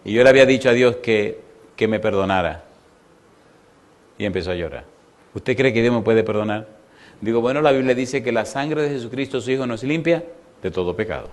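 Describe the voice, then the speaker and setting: A man's voice: mid-range voice, expressive, brisk. A man, a pastor, preaching a sermon with repeated phrases, rhetorical questions to the congregation and a story told with voiced dialogue.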